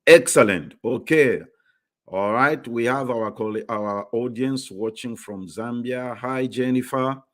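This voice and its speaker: A man hosting a live online interview, greeting viewers and asking the questions in an upbeat, drawn-out way. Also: medium pitch, a bit bright. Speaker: host.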